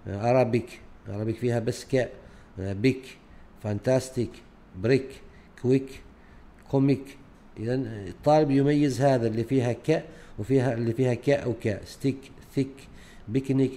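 Male teacher with a Gulf Arabic accent, dark mellow tone, hesitant explanatory delivery that mixes Arabic and English words. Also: medium pitch. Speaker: teacher explaining a grade-four English unit. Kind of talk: recorded lesson walkthrough.

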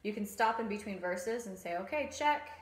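Woman, 30s, music teacher demonstrating at home; relaxed, filler-heavy delivery; roomy camera-mic sound. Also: medium pitch, normal speed. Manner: relaxed explaining with frequent ums, sings nursery rhyme verses. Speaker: strings teacher. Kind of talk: demonstration lesson. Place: small room at home, indoors. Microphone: camera mic, phone or webcam framing. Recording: echoey room.

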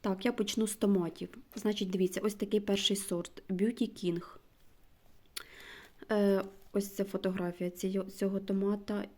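Soft-spoken woman reading out seed packets. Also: mid-range voice, flat delivery. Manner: chatty, slow, reads out names one by one; drops to a near-whisper when reading labels. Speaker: gardening vlogger. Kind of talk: casual show-and-tell chat.

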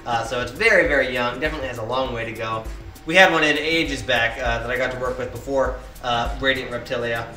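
A man's voice: mid-range voice, a little fast, sharp tone. A young man hosting a reptile vlog outdoors beside his car, talking casually and eagerly with lots of "uh" fillers. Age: young adult. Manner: enthusiastic, many "uh" fillers. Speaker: reptile keeper and channel host. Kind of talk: casual vlog showing animals. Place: outdoors by an open car on a dirt lot. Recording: roomy distant sound with music underneath.

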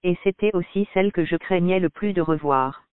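A man narrates a story in first person with a calm, measured reading. His voice is fairly high and crisp. The sound is dry, with no room, and thin like a phone line. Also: no room sound. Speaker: audiobook narrator. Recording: dry, tinny phone-like audio.

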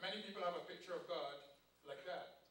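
A man's voice: sits high, brisk, a bit bright, slight background noise. A man with a Caribbean accent preaching a camp meeting sermon, quizzing the audience with questions and quoting scripture. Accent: Caribbean English. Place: hall at a church camp. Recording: echoey room, voice far from the mic.

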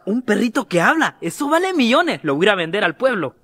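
An old country man in his seventies acted out by a younger performer, shrewd and hard to impress. He speaks dismissively in a lowered, bright voice, in comedy sketch style. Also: big pitch swings, fast, no echo, exaggerated voice. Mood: unimpressed. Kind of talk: short comedy skit acting.

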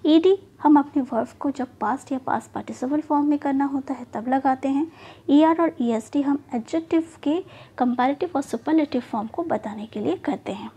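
A woman's voice: sits high, dark tone. A woman teaching spelling rules step by step, checking in often with "okay". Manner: explains slowly with repeated "okay" and "theek hai" checks. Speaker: English teacher. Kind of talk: spoken lesson mixing Hindi and English.

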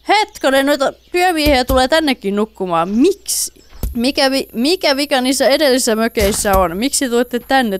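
A woman's voice: on the high side, smooth. A woman giving casual, playful commentary while playing a building game, chatting to the characters on screen. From Finland. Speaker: let's play gamer.

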